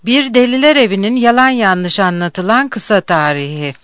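Smooth, measured audiobook narrator. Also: mid-range voice, a bit bright, no echo. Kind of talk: scripted narration of a novel.

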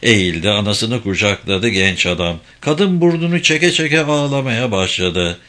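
A man narrating a story in a measured, expressive reading. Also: on the low side.

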